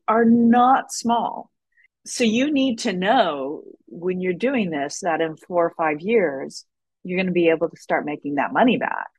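A woman's voice: on the low side, slightly rough, dry recording. A woman talking as a guest expert in an interview, direct and emphatic, with frequent fillers. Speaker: wine business guest expert. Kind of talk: casual interview talk.

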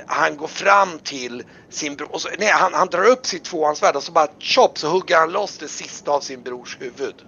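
A man's voice: fairly high pitch, sharp tone, a little hiss or hum. A man narrating as game master of a tabletop role-playing game, with many fillers and hesitations. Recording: muffled lo-fi recording.

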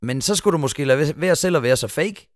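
A Danish man talks casually in a close, dry sound. His fairly high voice moves up and down in a lively way, and he rambles, repeating words as he builds a point. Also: no room sound. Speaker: podcast co-host. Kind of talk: casual chat.

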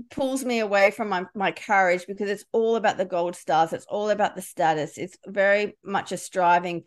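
A middle-aged woman, a leadership coach, answering a podcast interview in a candid storytelling way with frequent restarts. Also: medium pitch.

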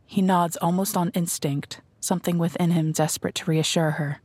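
A woman narrating an audio drama in a measured, descriptive storytelling manner. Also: lowish voice, fairly even intonation, a little mellow, no room sound. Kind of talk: scripted narration.

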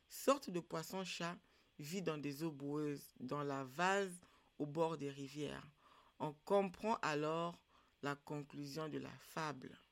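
A podcast storyteller narrating a traditional fable in a slow, deliberate way, opening with a call-and-response chant. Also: medium pitch. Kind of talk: scripted folk tale narration.

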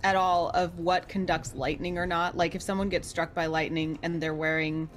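A woman's voice: lowish voice, flat delivery, normal speed. Give me a friendly, chatty woman playing a shopkeeper in a tabletop game. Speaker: player.

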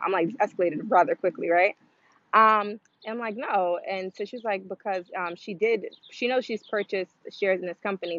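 A woman chats through a casual vlog, loose and rambling, full of "um" and "like". Her voice sits mid-height, recorded dry and close with slightly dull, lo-fi audio. She tells her story in a relaxed, unscripted way. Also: mid-range voice, no room sound. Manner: rambling, filler-heavy, chatty with frequent "um" and "like"; acts out quoted voices in a livelier tone. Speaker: vlogger sharing her trading story. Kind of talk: casual talking-to-camera vlog.

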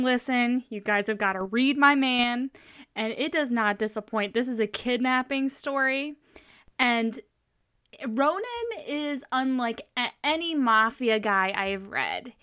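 A woman's voice: on the high side, expressive, measured pace, sharp tone, clean tone. A woman co-hosting a podcast, chatting casually and gushing enthusiastically about books she loves. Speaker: podcast co-host. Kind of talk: casual book chat.

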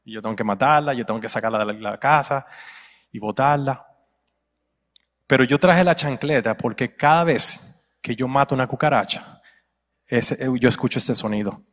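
A man preaching to a congregation, mixing humor and storytelling with loud, emphatic peaks. His voice sits at an ordinary middle pitch. The sound carries a long hall reverb. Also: normal speed, long pauses. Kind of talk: sermon. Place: church sanctuary.

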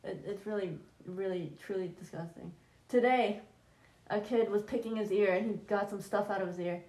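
Animated woman telling stories, echoey room. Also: medium pitch, moderate pace. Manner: listening with short responses, animated storytelling. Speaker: podcast co-host. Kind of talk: casual family chat.

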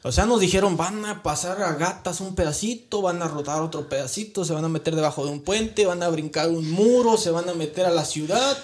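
With a high voice and a fairly quick pace, barely pausing, a man with a Mexican Spanish accent tells a personal story as a guest. He's earnest and emotional, speaking colloquially with frequent tag questions and restarts.

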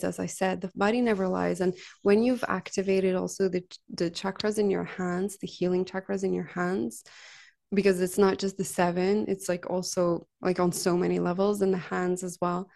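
A woman's voice: mid-range voice, creaky, a little mellow. A woman with a middle-range voice speaks casually about her healing work. Her tone is earnest and heartfelt, and her talk is loose and chatty, full of "like" and "right?". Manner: chatty, frequent "like" and "right?" tags. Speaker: massage therapist and healer. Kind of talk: casual conversational storytelling.

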